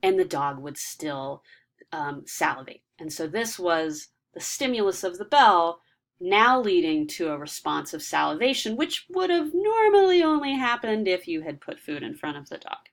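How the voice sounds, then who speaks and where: A woman's voice: fairly low pitch, sing-song, moderate pace. A woman giving a recorded lecture, explaining ideas step by step with frequent ums and restarts.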